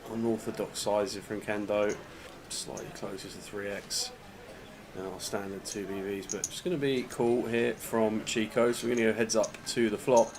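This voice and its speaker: A man's voice: lowish voice, flat delivery, moderate pace. A man commentating on a live poker tournament, talking through the hands in a conversational, analytical way. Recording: crowd murmur behind the voice.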